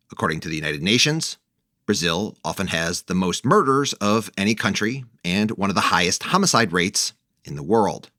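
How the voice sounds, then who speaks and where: Deep, lively-voiced male podcast host. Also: no room sound, clean studio sound. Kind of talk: scripted podcast narration and interviewing.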